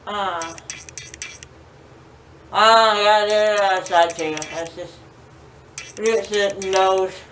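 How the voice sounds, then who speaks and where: A woman's voice: mid-range voice, steady tone, extremely slow, long pauses, fairly bright tone. A woman rambling casually to camera as a vlogger, groggy and loopy from anesthesia, with a numb, sore mouth. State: numb, sore mouth after dental surgery. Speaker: vlogger giving a makeup tutorial. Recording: roomy, distant mic, faint noise.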